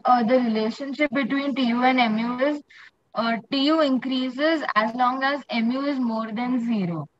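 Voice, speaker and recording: A woman's voice: a little high, normal speed. A young woman with an Indian accent, a student reciting answers in an online class. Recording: muffled lo-fi online call audio.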